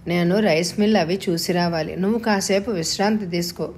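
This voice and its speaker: A woman's voice: fairly low pitch, a little fast, darkish tone, slight background noise, close to an everyday voice. A woman voicing a suave, wealthy young man who speaks with playful confidence in a storybook reading. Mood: teasing.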